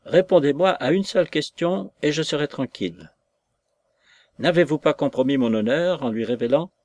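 A man reading aloud and voicing a proud, sharp-tongued noblewoman in a raised voice. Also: a little high, animated, moderate pace, dry recording, clean studio sound, pitched above the performer's own voice. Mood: imperious.

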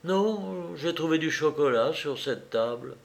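Man voicing shy young provincial woman, hesitant, slow. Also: a little high, expressive, gravelly. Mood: reserved. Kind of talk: audiobook reading.

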